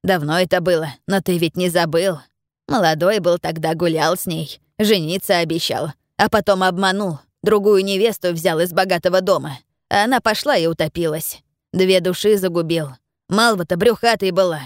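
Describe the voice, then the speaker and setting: A stern blind village witch, as a woman narrator puts her on, speaks low and deep with cold, unhurried authority. Her mocking calm fills a dry, close audiobook recording. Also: no echo, natural voice.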